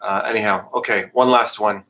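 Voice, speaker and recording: A man with a somewhat low, steady voice gives live online yoga instruction at a brisk pace and in a sharp tone. He jokes casually as he walks students through breathing cues, slightly out of breath.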